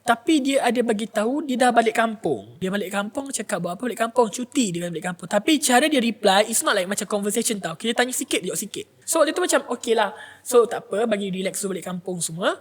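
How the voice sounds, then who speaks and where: Her voice is medium in pitch and slightly rough, and she talks fast with few pauses. Chatting casually as part of a podcast panel, this woman animatedly recounts something that happened to her, performing the quoted voices and occasionally mixing in English words.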